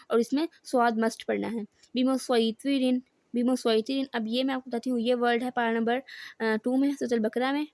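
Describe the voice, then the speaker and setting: A woman with a Pakistani Urdu accent teaching Quran reading in a step-by-step lesson, patiently explaining rules and then reciting words slowly. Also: fairly high pitch, darkish tone, dry recording.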